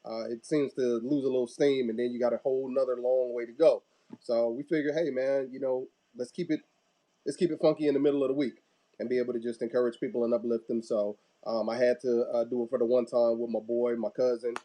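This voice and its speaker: An easygoing man hosts a church talk show from a video call. His talk is loose and rambling, full of "uh" and "um". The voice sits at an ordinary middle pitch. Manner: relaxed, rambling, many fillers. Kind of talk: casual live-stream chat.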